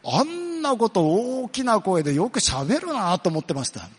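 A pastor with a husky voice that sits high and swings widely in pitch delivers an earnest sermon in a big-sounding room. He keeps asking the congregation questions and then answering them, slowing down for emphasis.

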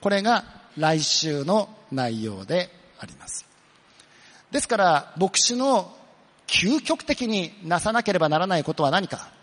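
A man's voice: high-pitched, very animated, fairly bright tone. Man, pastor, sermon, earnest, rhetorical questions, long hall echo. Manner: earnest, questions the listeners then answers, slows down for emphasis.

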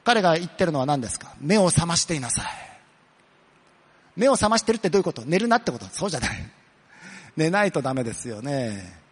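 A man's voice: a little high, big pitch swings, breathy edge, big-room sound. A man preaching a sermon as pastor, earnest, asking the congregation questions and answering them himself. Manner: earnest, questions the listeners then answers, slows down for emphasis.

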